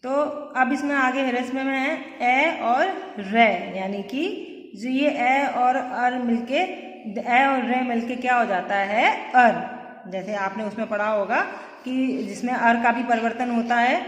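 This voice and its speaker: A woman's voice: a little high, a little slow. A woman teacher giving a grammar lesson, explaining step by step and asking the class questions as she goes. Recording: echoey room with long reverb.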